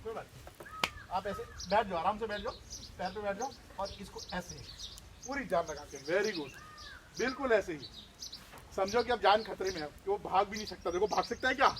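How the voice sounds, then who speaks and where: A man teaching village children outdoors, lively and full of questions to them. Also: high-pitched, normal speed, noisy background. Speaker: outreach trainer.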